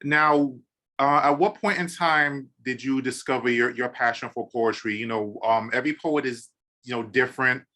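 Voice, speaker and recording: A man's voice: medium pitch, moderate pace, bright, forceful tone. A man hosting a poetry podcast interview over a video call, enthusiastic, with many "um"s and repeated "awesome". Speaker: podcast host.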